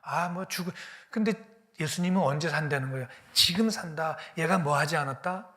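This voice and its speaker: A man's voice: fairly high pitch, a little fast, bright, forceful tone. A male pastor preaching a sermon, retelling the story dramatically and often dropping his voice to a whisper.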